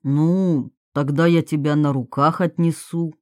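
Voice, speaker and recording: A woman voicing a calm grown man, a gently teasing husband, speaking low and softly in an audiobook. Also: no echo, clean studio sound. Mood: gentle. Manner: low, soft and unhurried.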